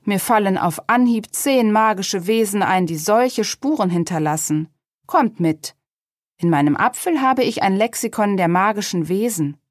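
A woman's voice: mid-range voice, normal speed, no room sound, clean studio sound, voice pushed up, natural voice. Woman reading as a clever little apple witch. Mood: confident. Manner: thoughtful, confident.

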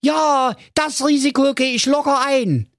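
A man's voice: very high-pitched, wildly swooping pitch, normal speed, dry recording, clean studio sound, pitched above the performer's own voice, exaggerated voice. A man voicing a boastful, cheerful young male suitor in a comic fairy tale. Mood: cocky. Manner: boastful, delighted.

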